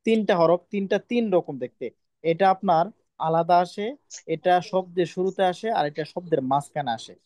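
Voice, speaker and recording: A man's voice: sits high, normal speed, a little mellow, dry recording. A man teaching Quran reading, drilling letter sounds over and over and sternly scolding pupils. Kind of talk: online class lesson, drilling letter sounds.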